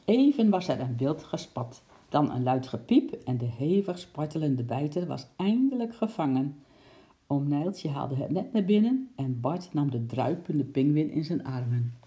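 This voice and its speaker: A man reading a children's story aloud in lively storytelling style, switching into voices for the characters. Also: on the high side, unhurried. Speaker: narrator.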